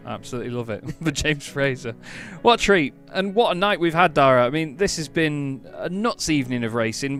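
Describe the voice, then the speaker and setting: A man's voice: mid-range voice, fairly bright tone. A British man hosting a sim-racing broadcast, upbeat and cheeky, using lots of slang. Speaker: race commentator and host.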